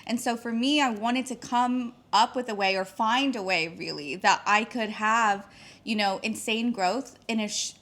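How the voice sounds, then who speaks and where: Woman podcast guest, emphatic casual talker with a slightly high pitch. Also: a bit bright. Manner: fast, emphatic, laughs often, swears casually. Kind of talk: casual interview chat. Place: outdoor retreat location.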